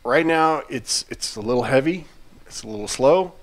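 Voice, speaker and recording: Male livestream co-host, mid-range voice, relaxed and chatty, dry humor, loose delivery full of restarts. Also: mid-range voice, normal speed. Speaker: game studio CEO co-hosting a livestream. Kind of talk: casual livestream chat.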